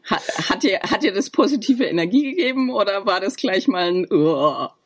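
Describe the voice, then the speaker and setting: A woman's voice: mid-range voice, expressive, normal speed. Upbeat chatty woman hosting a podcast. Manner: upbeat, chatty, laughs often. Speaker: podcast host. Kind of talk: casual interview chat.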